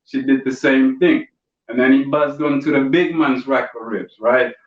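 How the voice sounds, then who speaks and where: A man's voice: mid-range voice, fairly even intonation, moderate pace, lo-fi sound. Man telling stand-up stories, roomy distant audio. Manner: storytelling with punchy asides to the audience. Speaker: stand-up comedian. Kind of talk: stand-up routine over a video call. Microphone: video call.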